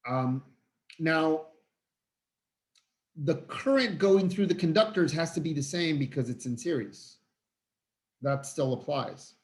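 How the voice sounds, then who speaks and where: A weary male physics teacher records an online lecture. He speaks informally, stopping and restarting his sentences often and filling the gaps with "uh" and "um". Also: medium pitch. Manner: halting, many fillers and restarts, informal. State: tired, yawning.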